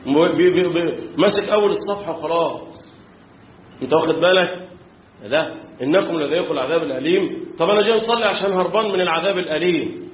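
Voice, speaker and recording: A sheikh with an Egyptian Arabic accent explains a religious lesson, firing rhetorical questions at his listeners. His man's voice sits somewhat high. The sound is roomy and thin like a phone line, with a faint hiss underneath. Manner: asks the class rhetorical questions, explains animatedly. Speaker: sheikh teaching Quran commentary.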